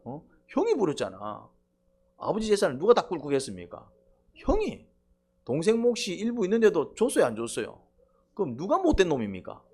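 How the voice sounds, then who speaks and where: A man's voice: fairly high pitch, wildly swooping pitch, a little fast, darkish tone, breathy edge. A middle-aged male pastor preaching a sermon, quizzing the congregation with rhetorical questions and prompting "eh?".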